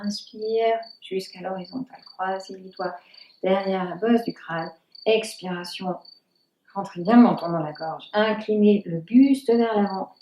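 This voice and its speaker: A woman leads a yoga session, giving slow, unhurried cues in a mellow voice that at times falls almost to a whisper. She sits back from the microphone in an echoey room, with faint crickets behind her. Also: mid-range voice, recorded from a distance, slight background noise. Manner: slow, calm cueing of breath and movement, drops to near whispers. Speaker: yoga teacher. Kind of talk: guided yoga instruction. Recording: roomy echo, voice from off-mic.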